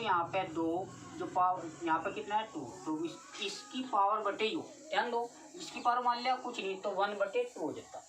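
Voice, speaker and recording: A class-nine math lesson is led by a woman whose voice is medium-pitched and fairly bright. She repeatedly puts questions to her students, recorded from a distant mic with faint noise.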